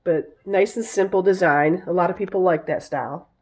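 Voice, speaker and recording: A woman with a raspy, hoarse voice from a head cold, chatting casually as she shows off her thrift finds, often pausing to search for words. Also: on the low side, darkish tone. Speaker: vlogger showing thrift finds. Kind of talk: casual haul show-and-tell.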